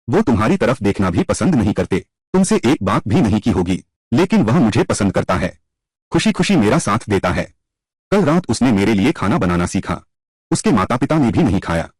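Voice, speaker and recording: Husky lively man reading dubbed drama. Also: on the low side, normal speed, no room sound.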